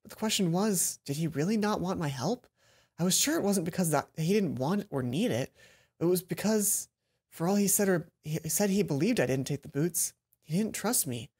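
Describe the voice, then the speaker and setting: Seated at a computer indoors, a young adult woman hosts a let's play, reading a visual novel aloud through a headset. Her voice sits on the low side, dark and a little breathy, and she delivers the lines expressively at a moderate pace. Game music runs in the background.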